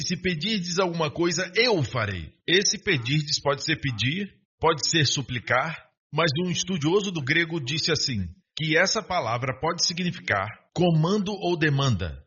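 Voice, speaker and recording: A male preacher delivers a sermon, asking rhetorical questions and calling for an amen. His voice sits a little high and sounds forceful and bright, with a husky edge. The recording is dull and lo-fi.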